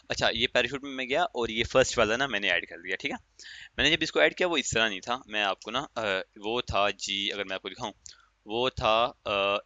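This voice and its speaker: A man teaching a software tutorial in a chatty, step-by-step way, with an Urdu-inflected accent and many fillers. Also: on the low side, dry recording. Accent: Urdu-inflected Hindustani. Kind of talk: casual screen-recorded tutorial. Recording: dry, muffled lo-fi mic.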